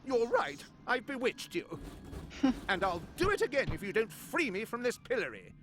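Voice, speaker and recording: An actor voicing a vengeful, theatrically menacing undead zombie in a video game, taunting and threatening in drawn-out phrases. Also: medium pitch, big pitch swings, lightly acted. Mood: gleefully menacing. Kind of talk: video game character acting. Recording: music behind the voice.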